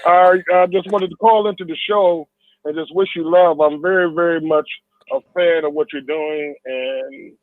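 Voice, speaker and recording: A man's voice: fairly high pitch, steady tone, moderate pace, no echo. A middle-aged man from Detroit with a strong voice, chatting jovially as a caller to a radio show. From Detroit, United States. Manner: jovial, laughs often. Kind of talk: casual radio call-in chat. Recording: dull, band-limited call.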